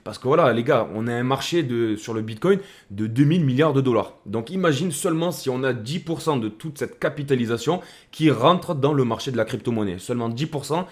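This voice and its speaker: A man's voice: medium pitch, expressive, a little fast, hardly any pauses. A man hosting a casual crypto commentary, speaking in a chummy way that addresses the viewer as a buddy. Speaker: crypto video host.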